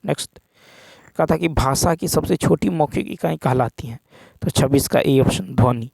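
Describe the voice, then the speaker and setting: A man teaching an exam practice lesson, reading out questions and answers and repeating each key point slowly. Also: on the high side, vocal fry, a little mellow, husky, dry recording.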